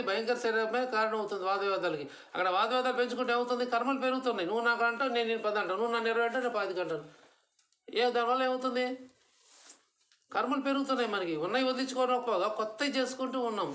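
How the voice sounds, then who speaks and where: A man's voice: extremely high pitch, a bit bright. A man giving a devotional discourse at a home gathering, answering his own rhetorical questions and slipping English words into his talk. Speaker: satsang speaker.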